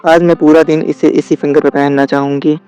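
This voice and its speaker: A man's voice: fairly high pitch, little pitch movement, a little fast, mellow, clear, resonant tone, pitched below the performer's own voice, lightly acted. A man reading a hot-tempered teenage girl. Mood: scolding. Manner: scolding. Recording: dull lo-fi with faint music.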